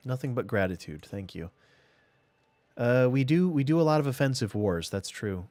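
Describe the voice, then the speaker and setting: A man's voice: medium pitch, expressive, moderate pace, darkish tone, no echo. A man streaming a strategy game live, thinking aloud and chatting casually to himself and viewers. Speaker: gaming streamer. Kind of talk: casual live gameplay commentary.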